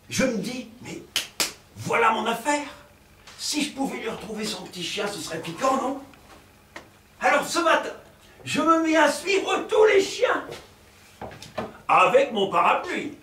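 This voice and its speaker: Stage farce: male actor as a giddy, lecherous professor, high and lively, roomy distant sound. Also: slight background noise, exaggerated voice. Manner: theatrical, excitable, chuckling asides to the audience. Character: bumbling middle-aged male provincial professor, lecherous and fussy. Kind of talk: live stage comedy performance. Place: theater stage.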